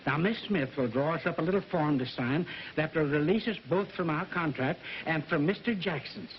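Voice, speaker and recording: An actor playing a flustered middle-aged record company boss who blusters and coaxes, in a 1940s film. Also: male voice, on the high side, moderate pace, slight background noise, lightly acted. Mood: coaxing. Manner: blustering, then coaxing. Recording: dull 1940s film soundtrack.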